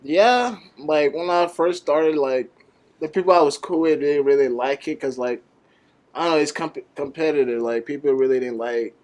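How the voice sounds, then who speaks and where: A man's voice: a little high, normal speed, a little mellow. Laid-back young man, filler-heavy talk. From Nigeria. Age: young adult. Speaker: guest, college basketball player and content creator. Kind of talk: casual interview chat.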